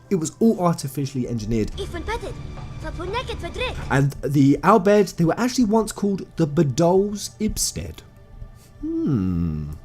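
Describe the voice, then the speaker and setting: Here a male video game commentator speaks in a mid-range, warm voice with a breathy edge. Over background music, he retells a story to viewers informally and enthusiastically, hitting and repeating key phrases.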